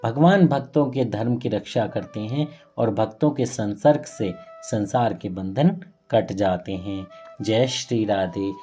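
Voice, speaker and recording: Deep-toned man narrating a devotional tale. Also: measured pace, warm tone, soft background music. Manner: earnest, reverent retelling with occasional self-corrections. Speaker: devotional storyteller.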